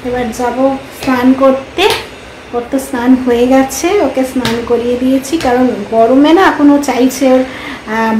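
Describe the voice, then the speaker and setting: A woman's voice: high voice, darkish tone, slight background noise, poor audio. A woman, a mother chatting casually to her viewers in a home vlog. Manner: chatty, addresses viewers directly. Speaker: vlogger, mother.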